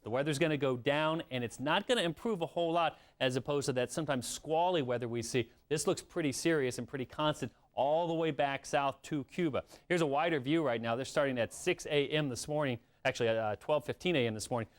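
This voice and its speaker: Emphatic, slightly high male weather forecaster. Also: brisk, few pauses. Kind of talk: live weather commentary.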